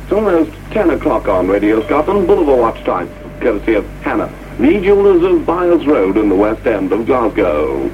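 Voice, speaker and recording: A man's voice: medium pitch, big pitch swings, normal speed, a little hiss or hum. A man hosting a radio request show with breezy, jokey patter and read-out ads, heard over an AM medium-wave broadcast. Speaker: radio disc jockey. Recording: tinny AM radio with music behind.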